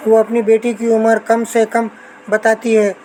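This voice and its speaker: A woman reading an audiobook novel, voicing a talkative, excitable middle-aged wife and mother who chatters without pause. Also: a little high, slight background noise, lightly acted, low-quality recording. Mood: gushing. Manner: gushing nonstop chatter.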